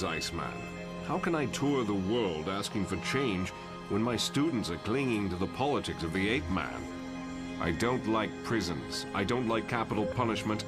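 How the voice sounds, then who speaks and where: A low male voice over clear music. A man acts out a stern, lofty professor from a motion comic, formal and lecturing. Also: close to an everyday voice. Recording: music behind the voice.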